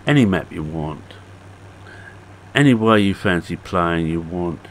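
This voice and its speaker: With a faint engine hum in the background, a man in his sixties talks through his farming game for a video, rambling at an easy pace and stalling on fillers. He speaks in a very low, hoarse, croaky voice, keeping the gameplay commentary casual.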